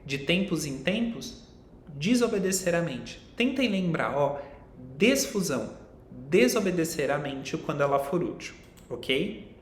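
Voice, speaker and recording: A young man with a Brazilian Portuguese accent, a psychologist teaching a course online, speaks with lively intonation at a slightly slow pace. He explains and quizzes viewers directly, and the echoey room adds a faint rumble.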